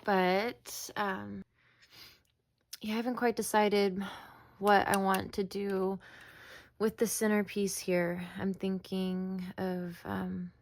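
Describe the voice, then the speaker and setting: Slow, rambling woman crafter. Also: medium pitch, little pitch movement. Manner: rambling, with frequent ums and restarts; humble, apologetic. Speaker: craft video maker. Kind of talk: casual chat while crafting.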